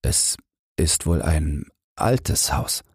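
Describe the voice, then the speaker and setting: Narrator voicing a hesitant, stammering gentleman, very deep breathy voice, unhurried. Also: lively intonation, no room sound, studio quality, heavily acted. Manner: hesitant, stammering, politely awkward. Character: shy, embarrassed, politely hesitant man.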